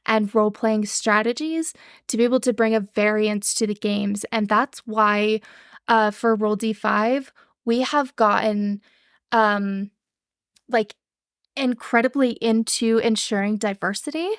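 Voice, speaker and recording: A young woman who organizes an actual-play show chats casually as a podcast guest, rambling enthusiastically with many fillers and restarts. Her mid-range voice is smooth and steady, and she talks at a measured pace. The recording is dry and studio quality.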